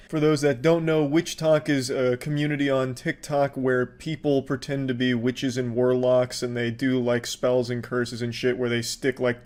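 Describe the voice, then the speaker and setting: Content creator guy ranting to camera, cusses a lot, kinda high voice, fed up. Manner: blunt, profane, exasperated. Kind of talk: casual to-camera commentary.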